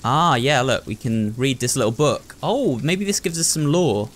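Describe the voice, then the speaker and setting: A man hosts a video game playthrough, giving excitable running commentary as he thinks aloud and talks to viewers. His medium-pitched voice is expressive, at a moderate pace.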